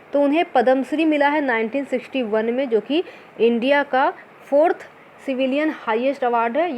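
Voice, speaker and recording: A woman's voice: sits high, darkish tone, slight background noise. A woman teaching an exam-prep lesson. She poses her own questions and answers them, mixing English words into her talk.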